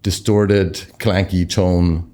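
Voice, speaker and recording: A man with a hoarse, strained, nearly lost voice, hosting an interview in an upbeat presenter style. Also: sits low, level tone, takes it slowly, mellow. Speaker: host.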